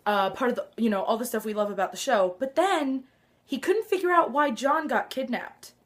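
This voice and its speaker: A woman hosting a casual fan vlog, gushing and excitable with lots of sighs, her nose a little stuffed up. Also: a little high, moderate pace. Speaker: vlog host. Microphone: handheld camera.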